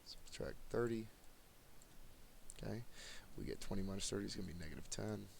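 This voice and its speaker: Tired, deep, gravelly-voiced male teacher. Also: brisk, a little hiss or hum. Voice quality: monotone. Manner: talks to students directly. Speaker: math teacher. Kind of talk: recorded screen lesson.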